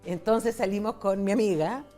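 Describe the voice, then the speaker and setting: Over loud music, a woman speaks at a medium pitch and moderate pace. She is a Chilean foundation founder in her sixties, a guest on an interview, recounting personal stories and past dialogue frankly and conversationally in Chilean Spanish.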